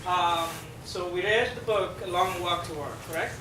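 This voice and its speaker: A middle-aged man from South Sudan with a South Sudanese accent and Dinka as his first language, giving a halting, explanatory classroom presentation full of fillers. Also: sits high. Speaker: guest speaker. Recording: echoey room from far off, noisy.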